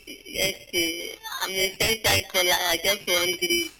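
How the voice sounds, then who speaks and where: Gravelly Nigerian woman calling in. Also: on the low side, steady tone, a little slow, over loud music, low-quality recording. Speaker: caller. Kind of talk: phone-in caller.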